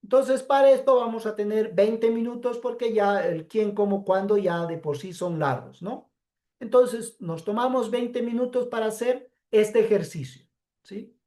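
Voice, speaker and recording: A woman teacher with a warm, slightly high voice records a class lecture in advance. She explains slowly and step by step, often checking in with her students by saying "¿sí?".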